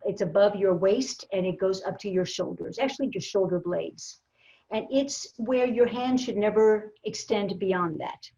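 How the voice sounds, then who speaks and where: Lively woman coaching over a video call. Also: mid-range voice. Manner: lively, emphatic, with repeated restarts. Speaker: communication coach. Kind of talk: presenting a virtual workshop. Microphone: laptop mic on a video call. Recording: slightly dull video-call audio.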